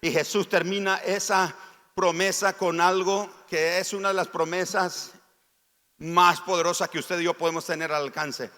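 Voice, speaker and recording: Nicaraguan male pastor, high bright voice, fervent sermon, long church-hall reverb. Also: steady tone, normal speed. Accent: Nicaraguan Spanish. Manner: fervent, rising to near shouts on key phrases. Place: church sanctuary.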